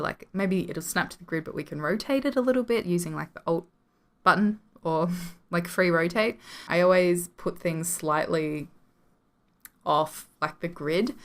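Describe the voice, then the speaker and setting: A woman's voice: on the low side, fairly bright tone. Giggly rambling Australian woman. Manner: rambling, self-deprecating, apologetic, giggly. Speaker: video game building channel host. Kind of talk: casual gameplay commentary. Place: home room.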